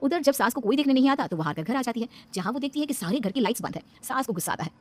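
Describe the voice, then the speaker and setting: Rapid-fire woman storyteller. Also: fairly high pitch, animated. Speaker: narrator. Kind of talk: storybook narration.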